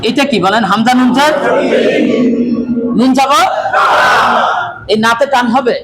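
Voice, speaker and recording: A man teaches a classroom lesson, calling out questions and repeating answers to keep his students on track. He is recorded in a classroom with clear noise in the background. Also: very high-pitched, unhurried, over a noisy crowd. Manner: loud, drilling questions at the class, often calling out. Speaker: Quran teacher.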